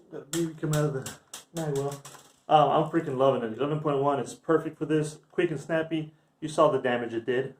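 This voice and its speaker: A young man with an average-pitched voice talks to the camera in a casual review style. He is informal and slangy, with an enthusiastic manner, like a hobbyist vlogger speaking off the cuff. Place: backyard outdoors, later a room indoors.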